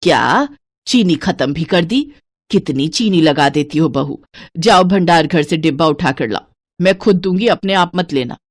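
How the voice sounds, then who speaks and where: A penny-pinching cartoon mother-in-law scolds her household in a low, bossy voice, as a woman plays her. The sound is close and dry. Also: animated, a little slow, no room sound. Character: stingy, scheming middle-aged mother-in-law.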